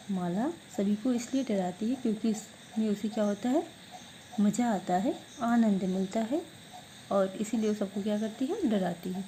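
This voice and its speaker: A woman's voice: mid-range voice, warm tone, a little hiss or hum, low-quality recording. Patient woman teaching a children's lesson. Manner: asks questions then answers them herself; drills words slowly, syllable by syllable. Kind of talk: online class lesson.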